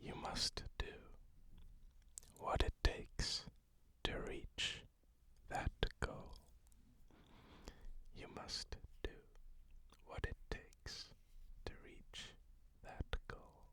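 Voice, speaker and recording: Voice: very slow, long pauses, pushed and bright. A person whispering an ASMR pep talk of positive affirmations, repeating short phrases. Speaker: ASMR host.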